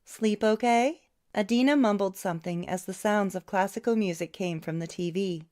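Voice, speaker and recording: A woman reading a novel aloud as an audiobook narrator, in a steady, even storytelling way. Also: mid-range voice, fairly quick. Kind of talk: scripted narration.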